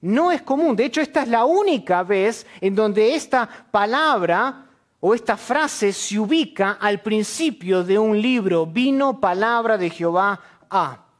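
A man's voice: high voice, lively intonation, a little slow. A man, a church elder, preaching an expository sermon to a congregation, asking questions and answering them himself. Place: church service.

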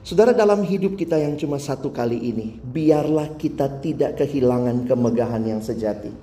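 A man preaching a sermon, storytelling in an animated way and asking the audience questions, in an echoey church hall. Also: mid-range voice, fairly quick, a little hiss or hum.

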